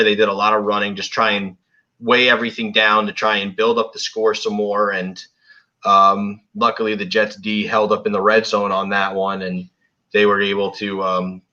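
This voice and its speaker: A man's voice: fairly low pitch, sharp tone, highs cut off. A man co-hosting a casual football reaction show, rambling with lots of restarts. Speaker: podcast co-host. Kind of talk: casual sports chat. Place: home, South Florida.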